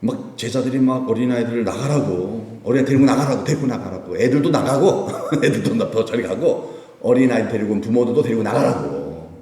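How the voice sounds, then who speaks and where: A man preaching an animated Friday prayer sermon as pastor, acting out voices in the story as he teaches. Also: medium pitch, a little fast. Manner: animated, acts out the disciples' scolding in raised voice. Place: church sanctuary. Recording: echoey church hall.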